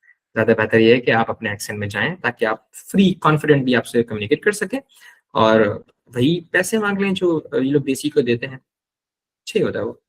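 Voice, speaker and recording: A man speaks as a project manager on an online panel, heard over a video call. His voice sits at an ordinary middle pitch, and he explains things plainly, moving between Urdu and English phrases as he goes. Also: lively intonation, normal speed, poor audio.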